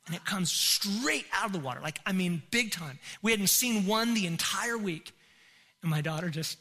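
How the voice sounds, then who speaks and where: A middle-aged male pastor tells a story from the pulpit, his voice high for a man and very bright and ringing. He swings between loud, excited bursts and hushed, quiet moments as he acts out the scene. The sound carries a long reverb from a large hall. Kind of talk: sermon storytelling.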